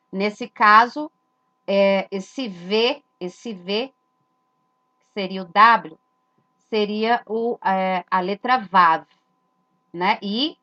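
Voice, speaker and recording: A woman's voice: medium pitch, bright, forceful tone, lo-fi sound. A woman, giving an explanatory lesson that points at letters and poses rhetorical questions she answers herself. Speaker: religious teacher.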